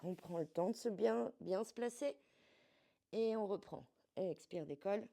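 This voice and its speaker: Mellow-voiced woman coaching a workout. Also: mid-range voice, measured pace, gravelly. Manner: calm step-by-step cueing with breath counts. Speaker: fitness coach. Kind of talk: guided workout instruction.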